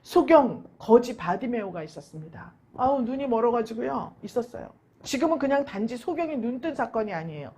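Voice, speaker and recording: Woman, pastor, Sunday sermon, higher voice, swoops up and down a lot. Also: fairly quick, breathy edge. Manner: animated storytelling preaching, asks rhetorical questions.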